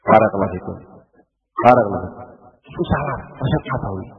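A man preaching a sermon at a religious gathering. His voice climbs to high emphatic peaks through lists, drops low and soft, and he chants Arabic phrases slowly. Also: slightly rough. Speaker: Islamic preacher. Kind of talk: sermon lecture. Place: lecture gathering. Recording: distant, dull lo-fi mic recording.

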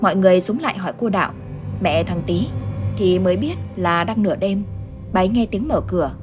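A woman narrating a ghost story in a measured, suspenseful way. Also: mid-range voice. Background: soft background music.

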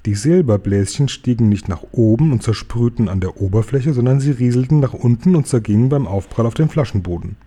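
Dark, husky-voiced man reading aloud. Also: medium pitch, animated, fairly quick, hardly any pauses. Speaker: storyteller. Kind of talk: reading a children's book aloud.

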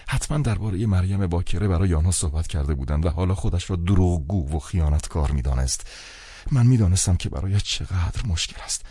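A man narrating a novel as an audiobook in calm, measured first-person storytelling. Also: low voice, slightly rough, no echo, studio quality. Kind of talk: scripted narration.

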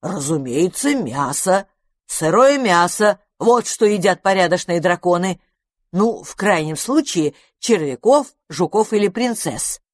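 A woman voicing a cheeky, greedy female magpie who taunts in a sly, drawn-out way. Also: on the low side, expressive, dry recording, studio quality. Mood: scornful.

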